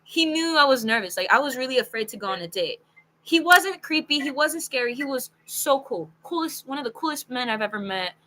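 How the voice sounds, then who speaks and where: A young woman telling a personal story to camera in a casual, frank, animated way, full of "like" and the odd swear word. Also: sits high, brisk, low-quality recording. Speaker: storytelling video creator. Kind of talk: casual story-time monologue.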